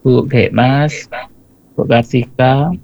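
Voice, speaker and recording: A man calling in to a radio show over a WhatsApp call whose connection keeps breaking up, sending relaxed greetings. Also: medium pitch, very slow, gravelly. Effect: choppy WhatsApp phone line, breaking up. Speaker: caller. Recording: lo-fi phone call audio.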